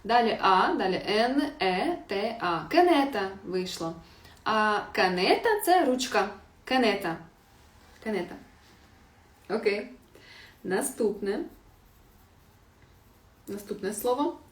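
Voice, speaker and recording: A woman's voice: medium pitch, sing-song, slow pace, pauses often. A woman teaching a live online language lesson, spelling words out letter by letter and reading answers from the chat. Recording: roomy echo.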